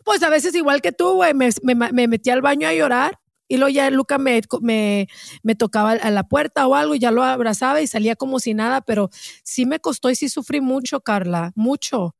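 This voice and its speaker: A woman's voice: sits high, fairly quick, gravelly, no echo, clean studio sound. A woman host in her forties, speaking emotionally in a casual conversation, swearing and switching into English.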